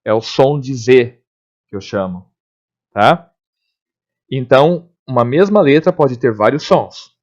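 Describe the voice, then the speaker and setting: Man, teacher, lively explanations, fairly high voice, dull lo-fi sound. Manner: lively, explanatory, frequent check-ins with listeners. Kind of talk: recorded classroom lesson. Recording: dull lo-fi recording.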